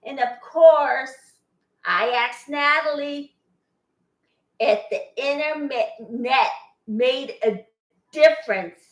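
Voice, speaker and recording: With frequent pauses and drawn-out words, an older Boston-born woman of Armenian heritage rambles and laughs her way through a casual cooking vlog. She hosts the channel from her home kitchen, her high voice echoing in the room.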